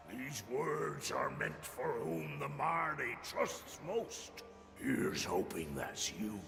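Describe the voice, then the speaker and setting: An actor playing a gruff old sea dog, a scheming pirate captain who gives slow, theatrical warnings in a gravelly, whispery voice for a video game. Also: male voice, mid-range voice, heavily acted. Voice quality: gravelly, breaking into hoarse whisper. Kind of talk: scripted dramatic game voice acting.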